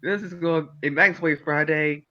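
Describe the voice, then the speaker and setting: A man's voice: a little high, moderate pace, pushed and bright, muffled recording. A man chatting casually with a friend on a stream, laughing his way through his stories. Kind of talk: casual chat.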